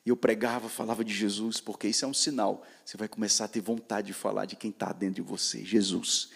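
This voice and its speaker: A man with a Brazilian Portuguese accent preaching to young people, using repetitive call-and-response and swinging from loud declarations to soft storytelling. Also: lowish voice, level tone, brisk, gravelly, breathy edge. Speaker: preacher at a youth gathering. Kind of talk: sermon.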